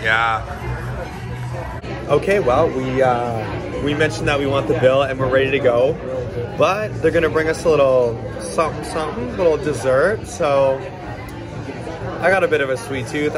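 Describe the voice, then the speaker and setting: A man's voice: fairly high pitch, normal speed. A young man vlogging a restaurant review, chatting candidly and jokingly, swearing freely, filmed on a phone at arm's length. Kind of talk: casual chat. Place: upscale restaurant, then city street outdoors. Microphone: phone held at arm's length. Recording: background music and crowd chatter.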